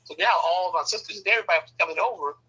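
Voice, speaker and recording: A man's voice: high voice, rapid-fire, bright, forceful tone, husky, poor audio. A man casually telling a rambling, profane story, often checking in with "right?". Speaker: podcast host telling a story.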